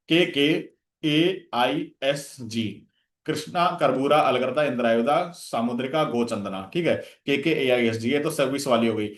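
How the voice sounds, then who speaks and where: A man's voice: mid-range voice, reverberant. A man giving a revision lecture for an exam, listing terms with memory tricks and checking in with "theek hai" again and again. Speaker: exam coaching teacher.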